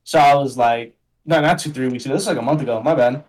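A man's voice: medium pitch, quick pace, darkish tone, rough recording. A young man chatting casually as a podcast guest, rambling in slang and filling his talk with "like" and "bro". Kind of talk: casual chat.

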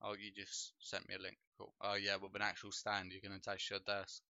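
On his livestream, a young adult streamer and podcast host from Poland, a native Polish speaker, rambles in a relaxed way, leaning heavily on "like" and "bro." He speaks a little fast with a fairly low pitch and vocal fry. The recording is dry, with a dull lo-fi home-mic quality.

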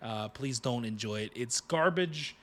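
Brief: man, wry co-host, bright tense tone, casual. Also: mid-range voice, unhurried. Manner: joking, wry, signs off the show. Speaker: podcast co-host. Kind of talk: casual chat.

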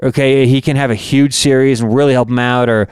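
A Canadian man talks hockey in an easygoing podcast chat, his voice smooth and resonant. The sound is close and dry, with no room around it. He gets animated and excitable when the game comes up. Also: mid-range voice, a little fast, no echo. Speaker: podcast co-host. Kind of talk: casual sports chat.

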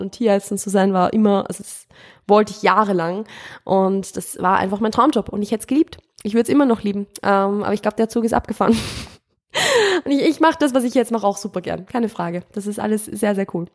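A young woman hosting her podcast, answering listener questions in a chatty, rambling way, often correcting herself and dropping in English words. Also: mid-range voice. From Austria. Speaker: podcast host. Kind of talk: casual Q&A monologue.

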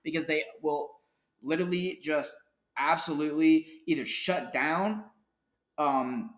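A young man co-hosting a casual opinion chat, emphatic and quick to agree, often restarting his sentences. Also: on the high side. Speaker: podcast co-host. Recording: echoey room.

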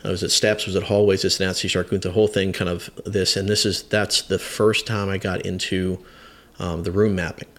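Man, 50s, veteran firefighter, very deep voice, hesitant, rambling anecdote. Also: flat delivery, fairly quick, fairly bright tone. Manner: rambling, hesitant, many restarts, acts out quotes. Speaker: veteran firefighter, podcast guest. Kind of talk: conversational storytelling.

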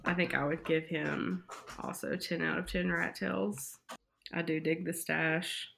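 A woman with a low voice, talking casually and chattily with a friend. She keeps softening what she says with "like" and "supposedly". Her tone stays relaxed and conversational throughout. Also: unhurried, vocal fry, a little hiss or hum. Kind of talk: casual chat.

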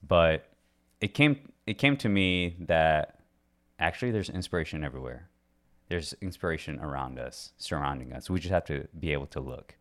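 A man hosts a relaxed one-on-one interview in an easy conversational way. His voice sits at the very bottom of the male range, and he keeps the talk going with short agreeing yeahs. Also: rumbling low, normal speed. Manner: relaxed, affirming with frequent yeahs. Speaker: host. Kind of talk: casual interview.

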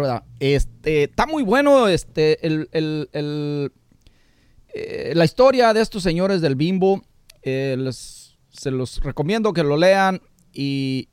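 Folksy man, lively voice. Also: on the high side, no room sound, studio quality. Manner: rambling, folksy, many fillers. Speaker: host. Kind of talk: casual motivational chat.

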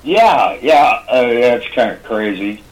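Man, average pitch, talk show co-host, casual conversational delivery. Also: lively intonation, slow, low-quality recording. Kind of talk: casual chat.

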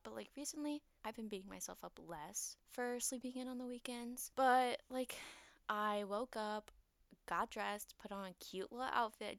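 There's no echo on this clip of a young woman's solo podcast, where she rambles, leans on fillers, and puts herself down. Her voice is medium in pitch, a bit bright, and a little nervous and shaky as she hosts this casual monologue.

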